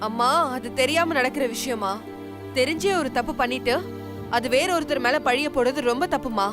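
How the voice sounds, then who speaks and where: A woman's voice: high voice, normal speed, lightly acted. A young actress playing a defiant young woman in a TV serial, speaking firmly and insistently. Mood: determined. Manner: firm, insistent, confrontational. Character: defiant young woman standing up for her sister. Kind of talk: TV serial acting. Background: music.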